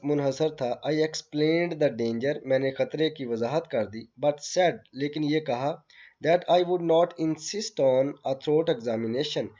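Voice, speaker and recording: A man with a Pakistani accent teaching a translation lesson. He reads English lines slowly and explains each one in Urdu. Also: mid-range voice, a little mellow. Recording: dull lo-fi sound.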